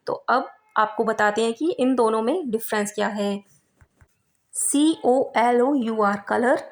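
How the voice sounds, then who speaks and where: A woman teaching an English vocabulary lesson who explains word differences, spells words out letter by letter and reads English sentences slowly and carefully. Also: on the high side, a little mellow.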